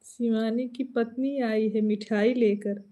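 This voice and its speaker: A woman's voice: a little high, fairly even intonation, measured pace, dark tone. A woman folk singer with an Awadhi Hindi accent, chatting at home on a live stream, laughing often and answering viewer comments.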